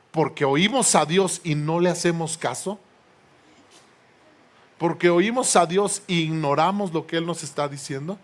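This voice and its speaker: A male pastor preaching a sermon in a church. He builds to emphatic peaks, prompts the congregation to respond, and makes playful asides. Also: a little high. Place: church sanctuary.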